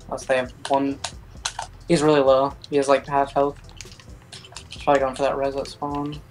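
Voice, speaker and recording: A man's voice: medium pitch, monotone, moderate pace, darkish tone. A man chatting casually with his squad during an online match, making blunt callouts. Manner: blunt, laid-back callouts. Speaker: teammate. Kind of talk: casual gaming chat.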